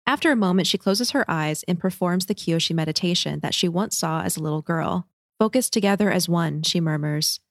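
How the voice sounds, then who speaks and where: A woman co-hosting a podcast, recapping an episode in a clear, friendly storytelling manner and chatting casually. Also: lowish voice, dry recording, studio quality. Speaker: podcast co-host.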